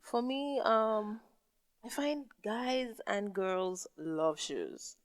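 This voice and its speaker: A woman's voice: mid-range voice, drawn-out words, no room sound, studio quality. A woman co-hosting a podcast, cheerful and upbeat, smiling as she talks. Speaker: podcast co-host. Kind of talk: casual chat.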